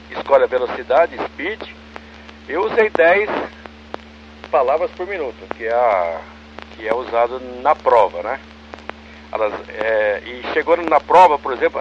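A man calling in as an amateur radio operator over a two-way radio, explaining a practice method patiently and step by step. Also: mid-range voice. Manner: explains patiently in small steps. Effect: heard over a two-way radio transmission. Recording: muffled radio transmission with clear static hiss.

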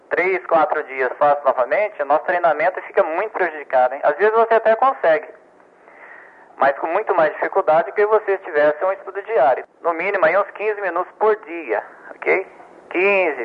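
A man's voice: a little high, animated, normal speed. A man explaining telegraphy basics in a patient, repetitive lesson, often stammering and checking with "ok?". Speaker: telegraphy instructor. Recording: tinny radio transmission.

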